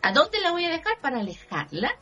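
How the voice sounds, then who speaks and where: A woman's voice: sits high, huge pitch swings, quick pace, bright, forceful tone, highs cut off, faint music behind. Encouraging Chilean coach woman. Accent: Chilean Spanish. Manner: earnest, encouraging, asks listeners for agreement. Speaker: personal growth coach. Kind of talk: motivational talk show chat.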